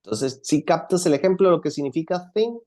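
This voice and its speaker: A man's voice: fairly high pitch, expressive, fairly quick, dark tone. A man teaching English comparatives in an online class, switching between languages and patiently repeating words for his students.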